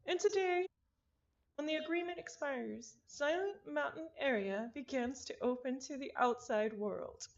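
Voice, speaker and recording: In an informal read-aloud of a game script, a woman keeps interrupting herself with offhand comments and sorry-sounding notes about name pronunciation. Her voice is high, gravelly and unhurried, and the recording loses its upper frequencies.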